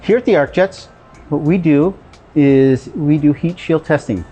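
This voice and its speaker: Lab guy, kinda high voice, steady and proud, faint music. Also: measured pace. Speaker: test facility engineer. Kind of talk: scripted video message.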